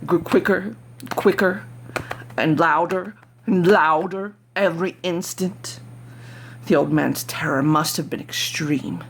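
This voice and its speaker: Agitated and fearful, the performer voices a jittery, obsessive killer for a gothic horror reading, using breathy whispers and stop-start, theatrical stresses in a mid-range voice. Slight background noise is present.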